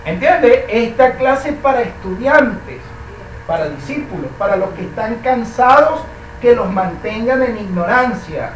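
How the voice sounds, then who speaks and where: A man's voice: extremely high pitch, expressive, unhurried, a little hiss or hum. A man teaching a Bible study class, emphatic and full of rhetorical questions. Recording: echoey room, mic at a distance.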